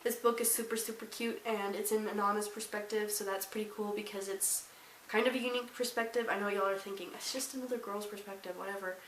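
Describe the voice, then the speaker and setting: A woman's voice: mid-range voice, level tone, quick pace, hardly any pauses, fairly bright tone. A teenage girl chatting casually about books she read this month, rambling with self-deprecating asides. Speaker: book vlogger. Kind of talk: casual monthly reading wrap-up. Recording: roomy, slightly distant, faint hiss.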